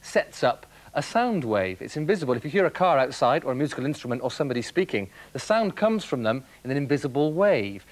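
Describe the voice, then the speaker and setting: A young man presenting a children's TV programme, explaining things to young viewers in a jokey, lively way. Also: mid-range voice.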